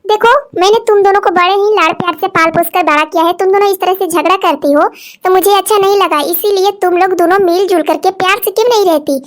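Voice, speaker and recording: A woman's voice: very high-pitched, steady tone, fast talker. A woman voicing a weary cartoon mother who scolds her two quarrelling daughters. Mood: pleading. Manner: weary, pleading. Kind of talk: cartoon voice acting.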